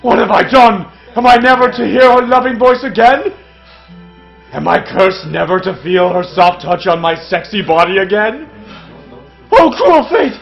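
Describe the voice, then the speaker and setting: A man voicing a vain, lovesick young hero, shouting mock-heroic Shakespearean lines. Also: high voice, lively intonation, moderate pace, creaky, pitched above the performer's own voice. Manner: mock-heroic, shouting, laughing mid-line. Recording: roomy lo-fi stream audio with game music.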